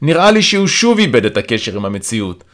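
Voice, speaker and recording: A man voicing a mocking, unhurried hospital orderly who talks in a slow, scornful drawl, in an audiobook. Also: medium pitch, big pitch swings, a bit bright.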